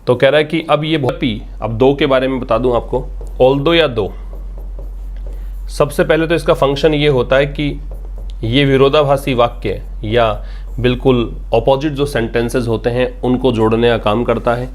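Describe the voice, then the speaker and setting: A man's voice: mid-range voice, fairly even intonation, normal speed. A man teaching English vocabulary, patiently explaining words and repeating them, asking questions and answering them himself. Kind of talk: vocabulary lesson explaining a newspaper article.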